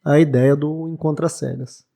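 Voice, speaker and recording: Mellow-voiced Brazilian man in his twenties. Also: a little high, fairly even intonation, moderate pace, gravelly. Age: 20s. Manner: reflective, hesitant restarts. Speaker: bookshop owner, guest. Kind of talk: casual podcast interview.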